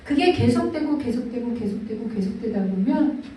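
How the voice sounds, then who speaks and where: A woman pastor preaching a sermon with expressive delivery, speaking prayers aloud as she goes. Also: a little high, moderate pace. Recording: echoey hall from a distance.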